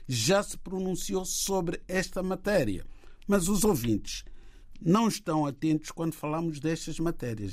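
A man lays out the law for radio listeners in an emphatic, explanatory way, often posing a question and answering it himself. His voice sits a little high and has a husky edge, recorded dry and close. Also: darkish tone, no room sound. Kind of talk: radio legal advice.

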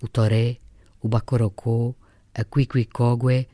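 A woman, an actress, reading a novel excerpt as literary narration in a measured, expressive storytelling manner. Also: a bass voice, dry recording.

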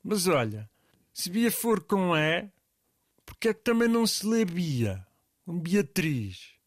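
A man's voice: sits high, very animated, takes it slowly, no echo, studio quality, heavily acted. A man with a European Portuguese accent in comic scripted banter, asking puzzled questions and giving in easily.

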